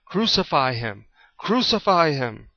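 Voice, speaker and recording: A man voicing a jeering, mocking mob in a scripture reading, shouting taunts. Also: fairly high pitch, very animated, takes it slowly, no echo, highs cut off, heavily acted.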